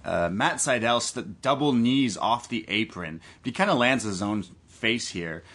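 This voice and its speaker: A man's voice: lowish voice, lively intonation, measured pace, a bit bright, slightly rough. A man hosting a podcast, giving a casual, enthusiastic fan's recap of a wrestling match. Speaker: podcast host.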